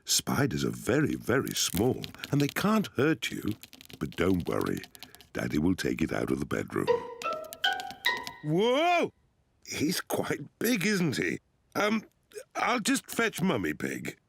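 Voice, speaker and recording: Jolly cartoon dad pig. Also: male voice, high-pitched, huge pitch swings, slow pace, a bit bright, a little hiss or hum, full character voice. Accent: British English. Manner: cheerful, chuckling. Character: jolly father pig, cheerful and kindly. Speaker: cartoon father. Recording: cartoon soundtrack with music.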